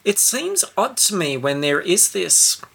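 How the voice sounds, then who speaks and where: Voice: medium pitch, huge pitch swings, unhurried, creaky, a bit bright, breathy edge. A podcast co-host talking casually about a film, rambling with frequent ums and restarts. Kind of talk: casual film review chat.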